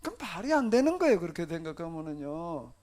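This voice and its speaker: A man's voice: on the high side, big pitch swings, fast talker, darkish tone. A male pastor preaching a sermon in a conversational style, asking the congregation rhetorical questions and acting out laments.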